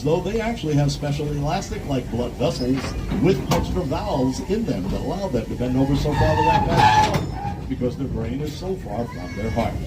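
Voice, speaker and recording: A man giving a folksy theme park ride spiel as a train tour guide, narrating the sights to riders, heard from a distance over loud vehicle noise. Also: mid-range voice. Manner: folksy, addresses riders as folks, repeats safety reminders. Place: outdoors on a moving open tour train.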